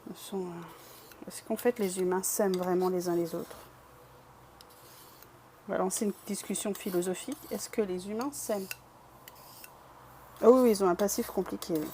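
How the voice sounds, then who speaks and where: A woman's voice: medium pitch, fairly even intonation, moderate pace, pauses often, warm tone, slight background noise. A woman from Bresse in eastern France chatting casually with her live-stream viewers, self-deprecating and talkative. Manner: chatty, self-deprecating, talks to chat while painting.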